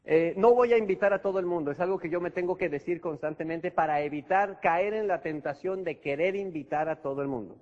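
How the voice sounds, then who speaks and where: A man's voice: sits high, a little fast, hardly any pauses, darkish tone. A man giving a motivational seminar talk as a network marketing trainer, chatting with constant tag questions and acting out examples. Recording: echoey hall, dull lo-fi sound.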